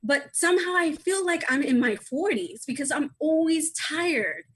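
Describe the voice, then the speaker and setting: A woman's voice: high-pitched, expressive, moderate pace, a bit bright, rough recording. A woman in her thirties doing a chatty, self-deprecating stand-up set over a video call. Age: 30s. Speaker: stand-up comedian.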